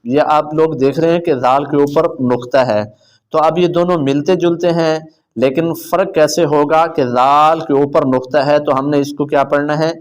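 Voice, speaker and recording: A man teaching beginners the Arabic letters, drawing out each letter name in a slow chant between quick explanations. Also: on the high side, steady tone. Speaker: Quran teacher.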